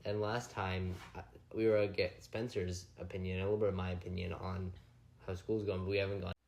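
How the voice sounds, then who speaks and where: Casual low-voiced teen boy host. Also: level tone, fast talker, gravelly, a little mellow. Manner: rambling, laughs often. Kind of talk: casual chat.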